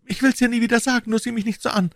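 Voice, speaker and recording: A man's voice: extremely high pitch, steady tone, rapid-fire, creaky, no echo, voice pushed up. A man voicing a frightened little girl. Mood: despairing. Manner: pleading, tearful. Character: frightened young girl lost in a cave.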